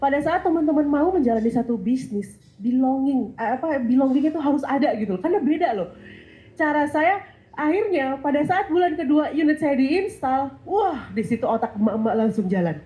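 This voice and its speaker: A woman in her thirties with a stuffy nose giving a lively testimonial speech, acting out dialogue as she tells her story. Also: high-pitched, a little fast, poor audio. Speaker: sales testimonial speaker. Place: event hall.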